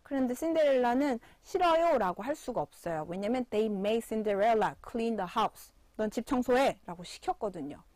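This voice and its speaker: A woman's voice: medium pitch, no echo. A woman teaching an online middle school English class, telling stories with energy and talking to the students as kids. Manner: animated storytelling, addresses students as kids; sings example sentences slowly. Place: school broadcast studio.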